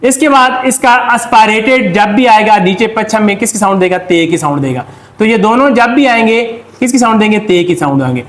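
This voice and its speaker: A man's voice: sits high, lively intonation, brisk, fairly bright tone, echoey room. A man with a Pakistani Urdu accent, giving a step-by-step classroom lesson and answering his own questions. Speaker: Korean language teacher.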